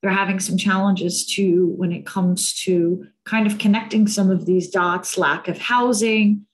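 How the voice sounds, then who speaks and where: A woman's voice: medium pitch, steady tone, a little slow, rough recording. A woman in her thirties from the United States, speaking earnestly over a video-call headset and often checking in with "right?". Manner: earnest, frequent tag "right?" and "um". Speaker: guest speaker on cultural competence.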